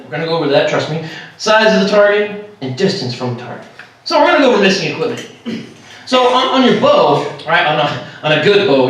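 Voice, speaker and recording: A man preaching a sermon through a funny story, self-mocking and animated. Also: fairly high pitch. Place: church sanctuary. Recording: echoey hall from far off.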